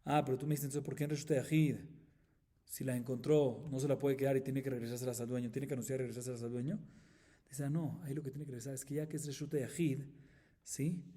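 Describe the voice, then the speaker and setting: A middle-aged rabbi from Colombia teaches a Talmud class step by step in a medium-pitched, steady, dark-toned voice. He often checks in with listeners by asking "¿sí?" and quickly chants the Aramaic.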